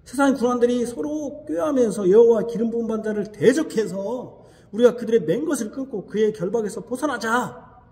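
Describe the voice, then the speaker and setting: A man's voice: very high voice, brisk, mellow, big-room sound. A man pastor preaching a Sunday sermon, sometimes slipping into the casual taunts of a tempter. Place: church sanctuary.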